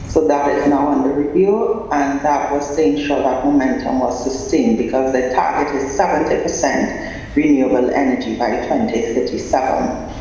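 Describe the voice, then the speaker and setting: A man from Trinidad and Tobago, giving a measured, deliberate academic conference presentation. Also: a little high, warm tone, slight background noise. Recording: echoey, dull sound in a large hall.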